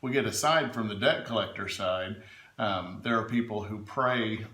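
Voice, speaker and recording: A man's voice: lowish voice, normal speed, sharp tone. A man giving informal, explanatory advice in an interview, speaking emphatically and often checking that he is understood. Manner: emphatic, checks in with "right?" and "okay?". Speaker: legal adviser being interviewed. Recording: echoey room.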